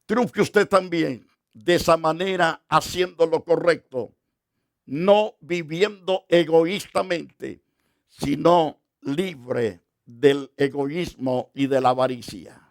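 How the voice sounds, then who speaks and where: A man with a high-pitched voice preaches slowly and deliberately, stretching his phrases with dramatic pauses. He retells scripture in an emphatic sermon voice. The sound is dry and close. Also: gravelly, no echo. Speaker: pastor. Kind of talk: sermon retelling a Bible story.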